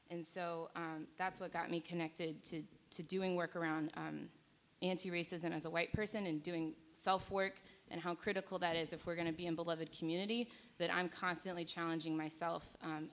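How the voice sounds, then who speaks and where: A woman's voice: on the low side, a bit bright. A woman in her twenties speaking as a panelist and organizer, hesitant, with frequent fillers and restarts. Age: 20s. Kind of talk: panel talk.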